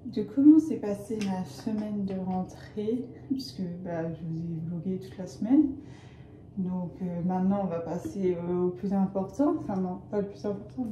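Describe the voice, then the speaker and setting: Chatty young woman with a very dark voice. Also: mid-range voice, roomy sound, slight background noise, rough recording. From Paris area, France. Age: young adult. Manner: chatty, rambling, hesitant with frequent fillers. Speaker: student vlogger. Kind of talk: casual vlog narration.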